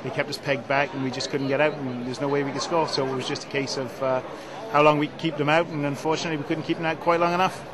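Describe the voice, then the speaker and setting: A man's voice: fairly high pitch, little pitch movement, fast talker. A middle-aged man, a coach, speaking frankly and matter-of-factly after a loss. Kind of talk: post-match interview. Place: outdoor stadium, post-match. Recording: crowd noise behind.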